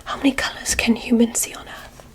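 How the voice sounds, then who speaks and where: Whispering softly in an ASMR roleplay, a woman takes on the role of a polite, inquisitive alien examiner with a deliberate, clinical delivery. Her voice is close to how she'd normally speak, and the mood is curious and gentle.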